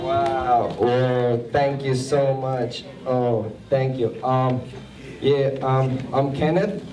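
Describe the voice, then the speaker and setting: A man from Estonia giving a halting acceptance speech at an awards show, full of fillers and restarts. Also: medium pitch, fairly even intonation, mellow, faint music behind. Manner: hesitant, many fillers and restarts. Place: event hall with a crowd. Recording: roomy hall audio from far off with crowd noise.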